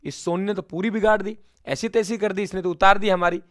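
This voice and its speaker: A man's voice: high-pitched, fairly even intonation, fairly quick, a bit bright, pitched above the performer's own voice. Man doing a grumbling cunning woman customer. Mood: annoyed. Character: cunning female customer, annoyed.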